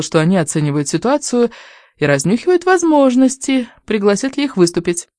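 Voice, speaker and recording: A man narrating a first-person novel as an audiobook reader, in a steady storytelling delivery that rises for quoted lines. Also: high-pitched, dry recording, clean studio sound.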